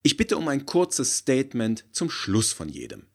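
A man reading an audiobook, voicing a brisk male panel moderator who cuts people off. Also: mid-range voice, huge pitch swings, creaky, voice pushed up, full character voice. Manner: brisk, interrupting.

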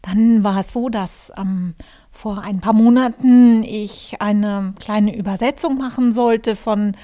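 Her voice is medium in pitch, steady, slow and dark in tone. She is a German journalist, author and podcast host, working through her thoughts in a reflective solo talk peppered with fillers and false starts.

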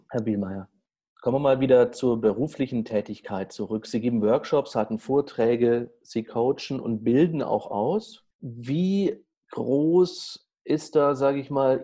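A man's voice: mid-range voice, dark tone, breathy edge. A man interviewing a guest, asking polite, formal questions.

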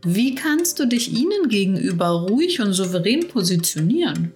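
A middle-aged woman speaking as a coach in a reflective monologue, talking softly and intimately and addressing the listener directly. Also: mid-range voice, sing-song, moderate pace, faint music behind.

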